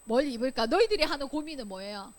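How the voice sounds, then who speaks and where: A high-voiced woman leads a Sunday school Bible lesson for children, her pitch leaping and swooping as she goes. She fires questions at the kids and acts out examples with playful loud bursts. The lesson takes place in a church classroom. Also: lively intonation, fast talker.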